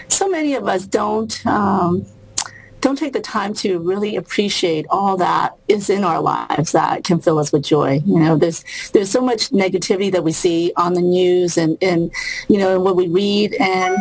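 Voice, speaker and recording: A woman from Burma, a cardiologist and author, talking as a guest over a video call, thoughtful with many pauses and restarts. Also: lowish voice, low-quality recording.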